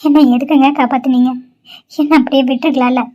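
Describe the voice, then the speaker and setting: A woman's voice: sits high, steady tone, quick pace, warm tone, close to an everyday voice. A woman voicing a sorrowful young woman in a cartoon who is mistreated at home. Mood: despairing. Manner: sorrowful, despairing. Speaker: cartoon character.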